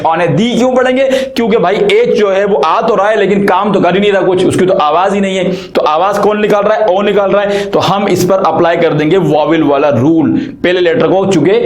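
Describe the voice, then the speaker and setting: A man with a fairly high voice explains English grammar in a patient classroom way. He keeps asking the viewer questions and then answers them himself. The voice sounds roomy and echoey. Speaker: English teacher.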